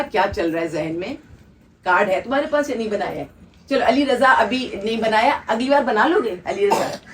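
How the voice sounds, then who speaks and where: A woman's voice: fairly high pitch, noisy background. A woman hosting a children's shelter gathering, coaxing and teasing the kids and leading applause. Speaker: host of a children's shelter event. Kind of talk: casual talk with children before a gathering.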